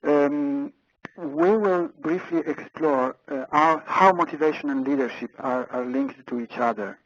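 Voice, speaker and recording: Over a muffled phone line, an Italian man with an Italian accent presents a webinar, hesitating and repeating words amid many fillers. His voice sits on the high side, sing-song, unhurried and gravelly.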